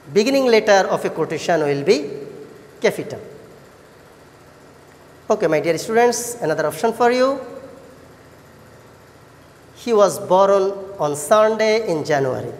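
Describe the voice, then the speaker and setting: A woman with a Bangladeshi accent and a lowish voice teaches children an English lesson, praising and encouraging them like a kids' show host. She asks deliberate sing-song questions, and the recording has an echoey, hall-like reverb.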